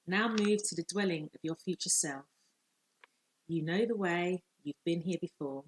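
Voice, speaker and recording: A woman life coach leading a guided visualisation, speaking in slow, soothing, measured instructions with long pauses. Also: fairly low pitch, husky, rough recording.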